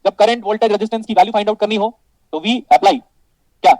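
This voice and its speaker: A man with an Indian accent lectures a class on electronics, switching between Hindi and English. His voice sits high yet sounds dark and mellow, and the sound is dry and close. He quizzes the students, calls them "beta" and jokes with the class. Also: fairly even intonation, fast, no room sound, rough recording. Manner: calls students "beta" and keeps asking if it is clear. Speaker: electronics teacher.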